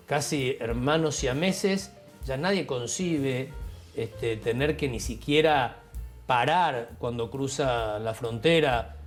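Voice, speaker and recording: A man hosting an interview, speaking deliberately as he searches for his words. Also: mid-range voice. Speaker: journalist and interview host. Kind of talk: interview on a talk show.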